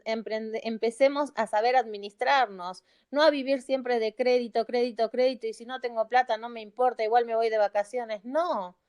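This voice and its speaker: Earnest Argentine woman, smooth higher voice. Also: darkish tone. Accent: Argentine Spanish. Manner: earnest and pleading, repeats phrases for emphasis. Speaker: psychologist speaking as a caller in a live audio chat. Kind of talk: heartfelt appeal to listeners. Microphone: phone or computer mic in a live audio room.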